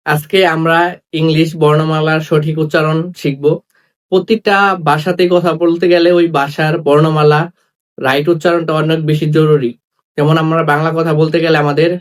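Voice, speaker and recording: A man teaching a spoken English lesson, saying each letter slowly and repeating sounds several times. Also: high voice. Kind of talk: classroom lesson.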